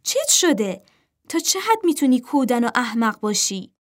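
A woman voicing a stern father crow who scolds and shouts at his son. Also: fairly high pitch, animated, close to an everyday voice. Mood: angry.

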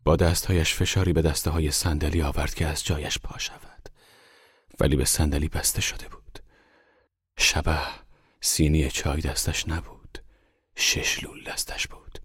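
A man reading a literary story aloud in a hushed, unhurried storytelling manner. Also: a bass voice, husky, no echo, clean studio sound. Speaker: audiobook narrator. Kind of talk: scripted literary narration.

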